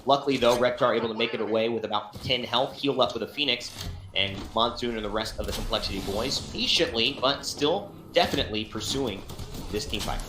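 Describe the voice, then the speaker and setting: A man's voice: mid-range voice, brisk, roomy sound, noisy background. A man working as an esports caster, giving analytical live commentary on a match.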